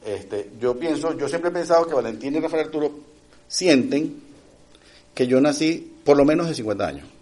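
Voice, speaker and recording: A middle-aged man preaching a conversational sermon, often checking in with his listeners with quick asides, swinging between loud emphatic lines and quiet ones. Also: on the high side, lively intonation.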